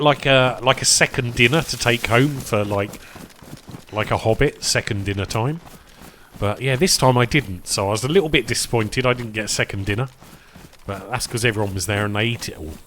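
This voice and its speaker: Man, game streamer, chatty and rambling, lively up-and-down voice, faint hiss behind. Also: medium pitch, normal speed. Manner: rambling, chatty, addresses chat as "boys"; talks while eating, mouth full at times. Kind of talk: casual live-stream chat.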